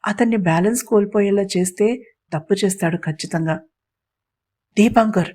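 A woman's voice: fairly even intonation, normal speed, mellow. A woman reading a story aloud as the narrator and voicing every character herself. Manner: voices all the characters herself with small pitch shifts.

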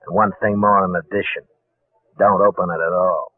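An actor playing a sly, threatening ex-convict gangster in a 1940s radio crime drama, talking in tough, ungrammatical slang. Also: male voice, deep voice, fairly even intonation, moderate pace, no room sound. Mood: menacing. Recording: muffled old 1940s radio recording.

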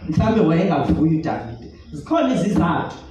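A man preaching a sermon, in a measured delivery that mixes Xhosa with English phrases. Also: fairly high pitch, big pitch swings, background noise. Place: large tent hall. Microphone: phone recording from the audience. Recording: echoey tent heard from far off.

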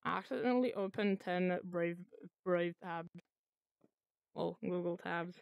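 A woman's voice: on the low side, measured pace, vocal fry, no echo, highs cut off. A woman livestreaming and chatting casually, bragging and swearing while teasing a friend. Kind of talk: casual gaming stream chat.

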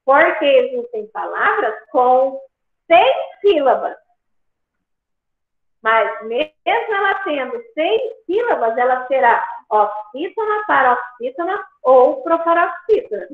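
A woman's voice: sits high, big pitch swings, slow, reverberant, narrow, tinny audio. A woman teacher explaining grammar patiently to a class over a video call, checking in with "tá?" as she goes. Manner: patient, repeats points with "tá?".

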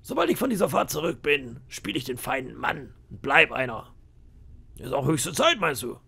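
A man voicing a boastful, scheming pirate cook of about fifty, with a gravelly, raspy voice and a sly, bragging manner. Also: fairly high pitch, very animated, moderate pace, bright, forceful tone, heavily acted. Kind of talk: audiobook character voice.

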